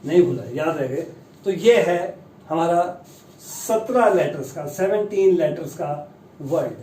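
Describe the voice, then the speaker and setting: A man teaching the pronunciation of long English words, chatty and self-deprecating, slowly sounding out each word. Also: a little high, expressive, dark tone, reverberant, recorded from a distance, slight background noise, rough recording. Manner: slow, careful spelling-out of long English words. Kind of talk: Hindi-language pronunciation lesson.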